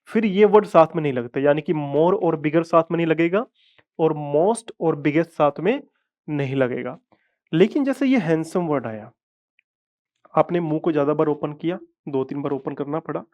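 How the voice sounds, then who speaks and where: A man teaching a live online English grammar class, explaining step by step, repeating words slowly and asking his students whether they follow. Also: fairly high pitch. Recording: dull lo-fi audio.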